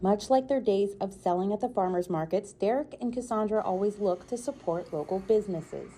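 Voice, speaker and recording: A woman's voice: mid-range voice, a little fast, dark tone, faint music behind. A woman reporter reading a scripted news feature voice-over in an upbeat, playful way.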